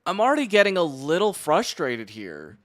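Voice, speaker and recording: Here a young streamer swears under his breath and talks to himself as he tackles a task. His slightly high voice swings hugely in pitch, moves at a moderate pace, and carries a fairly bright tone.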